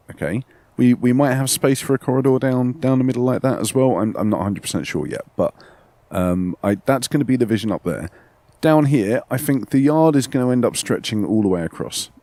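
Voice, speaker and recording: A man with a low voice and a sore throat talks through a strategy game in a loose, rambling way. He stumbles over his words and keeps checking in with "okay?". The sound is close and dry, with no room echo. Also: warm tone. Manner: rambling, repeats words, frequent "okay?" tags. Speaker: let's play host. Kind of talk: casual gameplay commentary.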